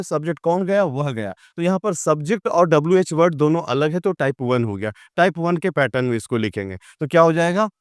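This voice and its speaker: Brief: male grammar tutor, fairly high voice, patient step-by-step explainer, dry close recording. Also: no echo. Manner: explains step by step with repeated checks. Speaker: English grammar teacher. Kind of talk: classroom lecture.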